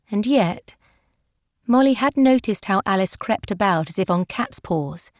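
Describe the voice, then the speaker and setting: A woman reading a romance novel aloud in a measured, gentle manner. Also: medium pitch, no room sound. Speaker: audiobook narrator. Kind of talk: scripted narration.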